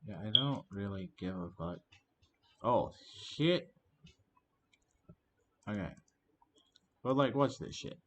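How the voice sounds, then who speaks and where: A man commentating his own online card game, swearing constantly and swinging between muttered gripes and shouted rants at his opponent. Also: fairly low pitch, lively intonation, slow, pauses often, noisy background. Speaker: gaming streamer.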